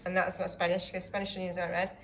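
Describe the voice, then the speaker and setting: A woman's voice: lowish voice, level tone, very fast. A woman hosting a casual home cooking demonstration with dry humour. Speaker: cooking show host. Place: home kitchen. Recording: home kitchen with clear background noise.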